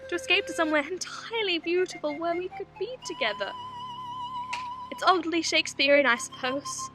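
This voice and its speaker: With music behind her, a young woman uses an extremely high, sing-song voice for a confessional dramatic monologue. She plays an intense aristocratic spinster, repressed and haunted by her youth, phrasing each line deliberately and theatrically. The sound is tinny, noisy and band-limited, like an amateur film.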